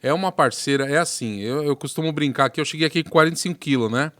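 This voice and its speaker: A man's voice: a little high, fast talker, fairly bright tone. A man hosting a podcast, upbeat and promotional, introducing the guest and reading sponsor mentions. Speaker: podcast host.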